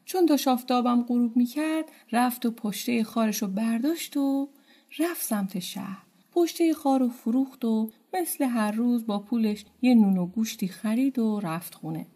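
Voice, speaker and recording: A woman tells a folk tale aloud in a gentle, colloquial way. Her voice is mellow and dark in tone yet sits a bit high. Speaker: storyteller.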